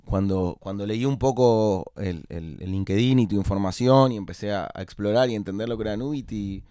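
A man's voice: lowish voice, brisk, dark tone, clean tone, no echo, studio quality. An Argentine man hosting an interview podcast, speaking hesitantly with many restarts and fillers. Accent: Argentine Spanish. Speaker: podcast host. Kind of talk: casual interview conversation.

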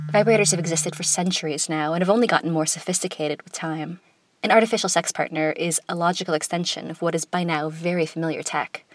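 A woman hosting a podcast, reading a scripted opinion piece in a smooth, composed, conversational way with wry touches. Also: low-pitched, noisy background. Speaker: podcast host. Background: music.

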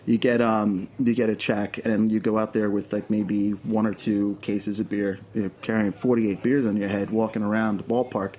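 A man from Queens with a Brooklyn New York accent, chatting casually as an interview guest and telling anecdotes in a halting way, repeating phrases. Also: fairly low pitch, little pitch movement, warm tone. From Queens, New York City. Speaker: interview guest, documentary filmmaker. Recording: clear background noise, room ambience.

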